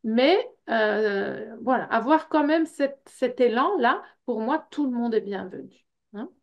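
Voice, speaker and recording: A woman's voice: on the high side, expressive, a little slow, muffled recording. A middle-aged woman, a psychotherapist, talking casually and reassuringly at an information evening, with many small fillers. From France. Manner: warm reassuring, many fillers like hein and euh. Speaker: psychotherapist and workshop leader. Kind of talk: casual info session talk.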